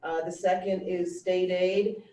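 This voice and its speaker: A woman giving an informal, explanatory presentation in a measured, matter-of-fact way. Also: on the low side, little pitch movement, mellow. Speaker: school district finance presenter. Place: meeting room, relayed over a video call. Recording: echoey room, distant mic, faint noise.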